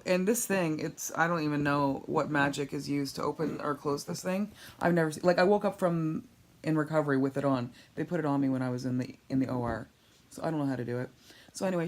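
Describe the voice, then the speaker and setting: Deep and a little mellow, this woman's voice carries a casual home video diary shot on a handheld tablet held overhead as she lies down. Still weak and sore from surgery, she rambles with candor and dry humor.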